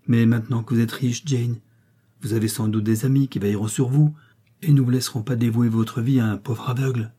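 A blind, brooding older man, as a male reader voices him, earnest and emphatic. The voice is very dark and mellow with a husky edge, like a storybook reading. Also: mid-range voice, steady tone, brisk, close to an everyday voice. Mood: moved.

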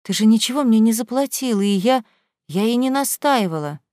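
A woman's voice: fairly high pitch, animated, a little fast, warm tone, dry recording, lightly acted. A desperate young woman pleading on the edge of tears, as a woman reader voices her. The read is dry, with no room sound around it. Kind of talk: audiobook character reading.

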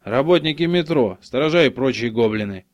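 A man's voice: medium pitch, animated, brisk, dry recording, dull audio, lightly acted. Brief: casual streetwise explorer guy, loose slang, read by a male narrator. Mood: offhand. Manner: offhand, slangy storytelling.

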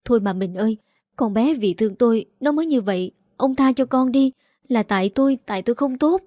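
A woman voicing a gentle, long-suffering mother who softly begs and soothes. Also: medium pitch, a little slow, no echo, clean studio sound, natural voice. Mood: tearful pleading. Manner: soft imploring.

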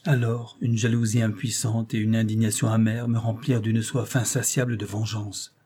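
A man's voice: lowish voice, little pitch movement, normal speed, warm tone, slightly rough. A man voicing a giant monstrous male creature who speaks in an impassioned, reproachful lament, in an audiobook reading. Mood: bitter.

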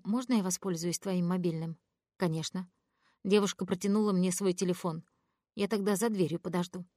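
A woman narrating a first-person novel, giving the characters' lines expressive voices. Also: medium pitch, no echo, clean studio sound. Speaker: audiobook narrator.

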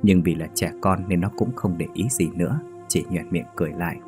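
A man reading a ghost story as narrator, steady and measured. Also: sits low. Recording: faint music behind.

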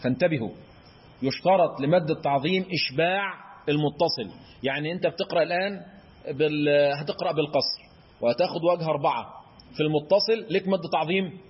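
A man with an Egyptian Arabic accent gives a recitation lesson in a high, husky voice. He keeps quizzing his listeners and answering for them. The recording is dull and lo-fi. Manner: chants verse examples in a drawn-out recitation tone. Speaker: Quran recitation teacher. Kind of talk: explanatory lesson.

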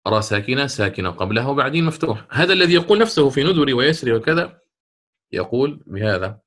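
A man teaching a lesson on Quran recitation rules, asking and answering his own questions and drawing out the recited words slowly. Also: mid-range voice, big pitch swings, a bit bright. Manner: stretches recited words drawn out.

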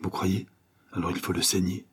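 Man voicing a gentle country priest. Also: fairly low pitch, normal speed, breathy edge. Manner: coaxing, gentle.

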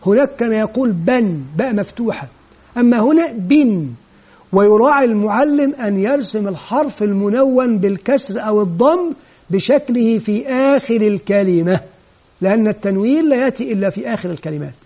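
A teacher trainer with a high-sitting, dark-toned voice speaks fast in an instructional lecture on teaching children to read. He patiently explains each step and models what the teacher should say.

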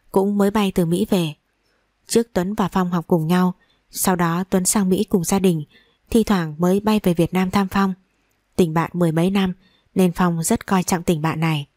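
A woman narrating a first-person audio story, reading calmly and evenly. Her voice is low and mellow, and she is recorded dry and close with almost no room sound. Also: no echo.

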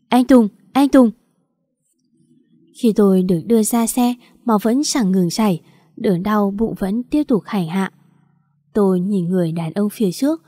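Female storyteller, first-person narration, earnest and emotional, mellow tone, dry close mic. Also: medium pitch, no echo.

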